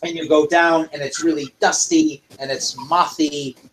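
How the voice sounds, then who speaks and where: A man with a high voice narrating a tabletop game as dungeon master. He talks casually and rambles, often restarting his sentences. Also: level tone, moderate pace, fairly bright tone, slight background noise, low-quality recording.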